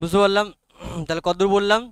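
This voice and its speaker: A male teacher giving a lecture, dictating notes slowly, spelling words out letter by letter and often asking whether students have understood. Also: high-pitched, fairly even intonation, smooth, no echo, clean studio sound. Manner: checks understanding with frequent questions and spells words aloud letter by letter; dictates notes slowly, correcting himself as he goes. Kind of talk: classroom lecture.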